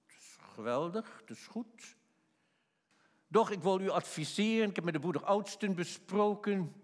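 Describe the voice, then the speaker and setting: A male preacher with a fairly high, very lively voice that swings from hushed asides to emphatic declarations. He tells a personal story in sermon style. The sound rings with a long hall reverb, as in a large church. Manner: animated, rising to emphatic peaks.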